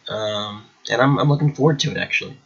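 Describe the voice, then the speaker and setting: Speaking quickly in a fairly low, fairly bright and slightly rough voice, a man hosts his chess channel from home. He's congested with a cold, so he sounds a little nasal, and he chats casually and rambles with lots of fillers over lo-fi audio.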